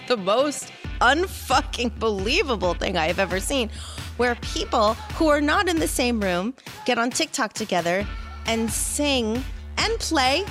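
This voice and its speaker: A woman co-hosting a podcast in casual chat, talking emphatically and excitably, with heavy swearing. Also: fairly high pitch. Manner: emphatic, heavily profane, excitable. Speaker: podcast co-host.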